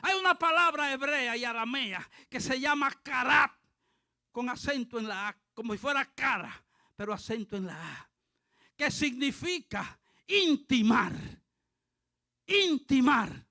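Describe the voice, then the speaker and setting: A male pastor preaching a fervent sermon, dotting it with hallelujahs and rising to shouts. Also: very high voice, expressive, a little slow, dry recording, clean studio sound. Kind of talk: impassioned sermon.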